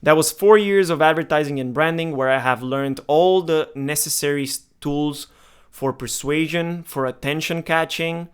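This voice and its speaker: A man's voice: fairly high pitch, moderate pace, clean tone. A man in his twenties from Romania, talking candidly and emphatically to the viewer in a casual monologue. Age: 20s. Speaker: marketing vlogger. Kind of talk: casual direct-to-camera monologue.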